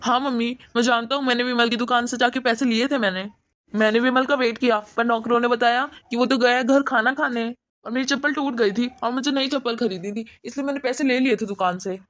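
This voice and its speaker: A woman's voice: on the high side, fairly even intonation, fairly quick, natural voice. A woman voicing a meek, idle young husband in a cartoon story, pleading and defending himself. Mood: defensive. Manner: pleading, defensive, soft-spoken. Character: idle grown son and husband, meek and apologetic. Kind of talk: animated cartoon voice acting.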